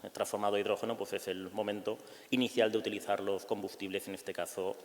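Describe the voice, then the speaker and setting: A man speaking on a panel in a halting way, often repeating words mid-phrase. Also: on the low side, little pitch movement, darkish tone. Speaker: panelist, ferry company representative. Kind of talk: panel presentation. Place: university conference hall. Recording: long reverb in a lecture hall.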